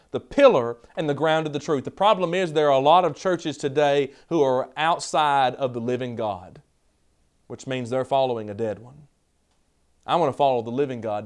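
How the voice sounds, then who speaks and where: A man in his thirties with a Southern American accent, preaching a televised sermon from a studio podium, building to loud emphatic repetitions. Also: on the high side. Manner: emphatic, rising to loud repeated declarations.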